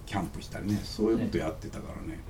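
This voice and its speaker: A company founder with a Kansai accent, appearing as an interview guest, tells stories in a joking, animated, casual way. His voice is low and he talks at a racing pace.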